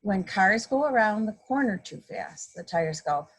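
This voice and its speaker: With a husky, mid-range voice, a woman reads to young children in an unhurried, expressive way. She is a mother acting as a guest storybook reader, explaining the picture book simply and having fun with the sound effects during this read-aloud session.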